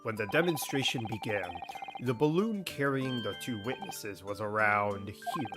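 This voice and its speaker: A man voicing a stern male court official in a low, growly, measured and formal voice. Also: lively intonation, music in the background, natural voice. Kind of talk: game dialogue read-along.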